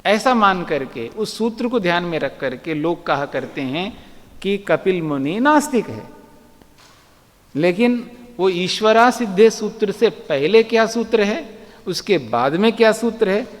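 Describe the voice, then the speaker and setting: Guy lecturing students slow and patient, high voice, echo hall. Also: lively intonation. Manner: patient, repeats words slowly for students. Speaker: Vedic philosophy teacher. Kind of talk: classroom lecture. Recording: long hall reverb.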